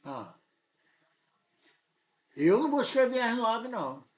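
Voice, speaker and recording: During a live tutoring lesson, this man insistently corrects his math student again and again. He has a Brazilian Portuguese accent and a very high-pitched, sing-song voice, and he takes it slowly.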